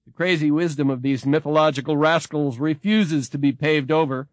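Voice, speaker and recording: A man giving a measured, expressive scripted narration as a narrator. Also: on the high side, dry recording.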